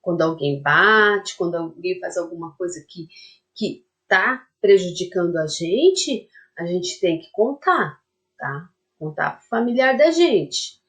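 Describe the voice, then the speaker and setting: This teacher's voice is fairly low and a bit bright, swinging widely in pitch while she speaks slowly to her class of young children. She patiently spells out a word by syllables, favors diminutives, and keeps checking in with "tá?".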